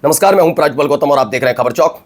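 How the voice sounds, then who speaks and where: A man's voice: on the high side, expressive. Emphatic male news anchor. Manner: emphatic, rhetorical questions, drawn-out pauses. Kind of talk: Hindi news commentary.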